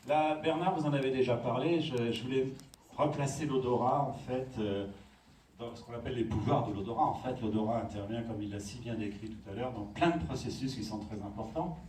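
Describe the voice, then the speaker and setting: A man delivers a lecture, explaining step by step and pausing to check that his listeners follow. His voice sits at an ordinary pitch and comes from a distance in a reverberant conference room, with a faint hiss underneath. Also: a little mellow. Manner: explanatory, checks in with audience often. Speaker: conference speaker. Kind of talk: lecture talk. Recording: echoey hall from far off.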